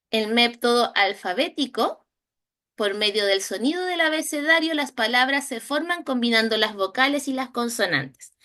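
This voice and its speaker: A Chilean woman teaching a recorded training lesson on early reading, slowly sounding out letters and syllables. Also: high voice, fairly bright tone. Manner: slow, drawn-out modeling of sounds and syllables. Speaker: instructor.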